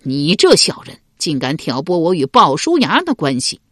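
Woman putting on an angry ancient chancellor, yelling, husky, lively pitch. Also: moderate pace, no room sound, studio quality, full character voice. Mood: furious. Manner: scolding, forceful. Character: stern angry male chancellor of ancient court.

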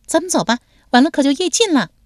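A woman narrator voicing a playful, sharp-witted young woman in an audiobook, talking high and lively. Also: fast talker, no echo, clean studio sound. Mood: teasing. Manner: perky and teasing, then sharply scornful. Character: bright, teasing young woman, quick and playful.

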